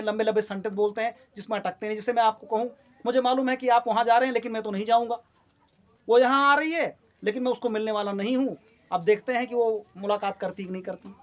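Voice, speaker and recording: A man teaching an English lesson in Hindi. He explains sentence types step by step, often checks in with the class, and repeats key terms. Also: very high-pitched. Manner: says English example sentences more loudly and clearly.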